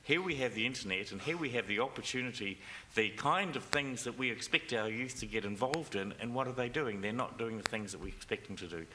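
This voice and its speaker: A man's voice: medium pitch, animated, brisk, hardly any pauses, pushed and bright, a little hiss or hum. A man speaking earnestly and urgently as a panelist at a conference discussion. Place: convention centre stage.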